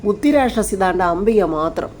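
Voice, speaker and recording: A woman's voice: mid-range voice, expressive, normal speed, darkish tone, a little hiss or hum. A woman narrating an episode recap with chatty, opinionated asides to viewers. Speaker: serial review narrator. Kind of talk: retelling an episode.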